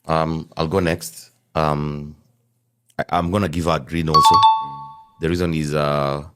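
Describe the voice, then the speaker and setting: A young man with a very low voice and a Kenyan accent talks in a casual panel discussion. He lays out his reasons one point at a time. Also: little pitch movement, a little slow, over loud music. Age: young adult. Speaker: panelist rating politicians.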